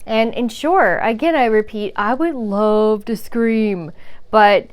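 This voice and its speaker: A woman's voice: on the high side, slow, smooth. A woman telling a frank, rambling personal story about caregiving, with restarts, swearing and chuckles. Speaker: caregiver sharing her story.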